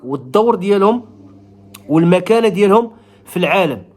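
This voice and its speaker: This Moroccan man's voice is high yet darkish in tone, and he talks fast and expressively. With his Moroccan accent, he gives casual commentary to viewers, stressing his points by repeating phrases emphatically.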